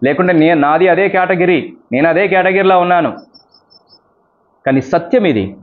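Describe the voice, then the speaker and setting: A man's voice: high-pitched, normal speed, narrow, tinny audio. A male pastor preaching a sermon, reading scripture lists aloud and explaining them with everyday examples and questions to the congregation.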